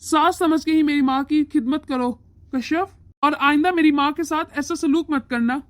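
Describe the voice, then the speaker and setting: A woman's voice: high-pitched, fairly even intonation, normal speed, dry recording, close to an everyday voice. Woman voicing a scolding young cartoon husband. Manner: scolding, lecturing. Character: young husband, bossy toward wife, devoted to mother. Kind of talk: animated moral story voice acting.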